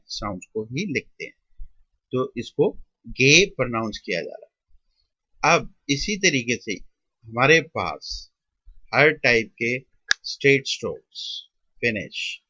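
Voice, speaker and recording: A man teaching shorthand step by step, drawing out and repeating each sound with pauses, in an Indian Hindi-English mix. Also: medium pitch, pushed and bright, dry recording, muffled recording. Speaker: shorthand tutor. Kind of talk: step-by-step classroom explanation.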